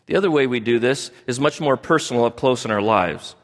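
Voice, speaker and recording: A man's voice: mid-range voice, fairly quick. A man preaching a sermon as pastor, talking in a conversational way and often asking the congregation questions. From United States. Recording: long hall reverb.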